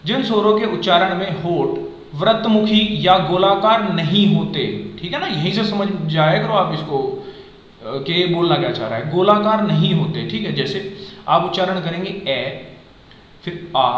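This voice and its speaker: A man's voice: sits high, a bit bright. A man teaching a grammar lesson who says each sound aloud as an example and keeps checking whether his students follow. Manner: checks understanding with repeated questions. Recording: echoey, dull lo-fi room sound.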